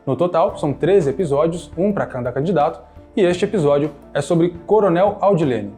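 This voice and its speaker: Brisk man narrating radio news. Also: on the high side, lively intonation, mellow, faint music behind. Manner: brisk, read-out news delivery. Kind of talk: scripted narration.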